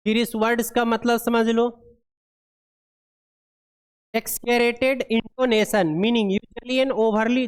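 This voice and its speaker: A woman's voice: fairly high pitch, clean tone. Lecturer woman, echoing classroom. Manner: reads English points slowly, then explains in Hindi with frequent checks. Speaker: pharmacy lecturer. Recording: long hall reverb.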